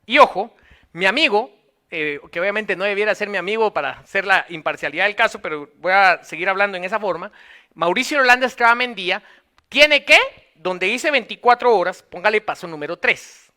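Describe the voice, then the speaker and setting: A man giving a law lecture, dictating steps and repeating phrases slowly so students can note them down. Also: high voice, lively intonation, sharp tone.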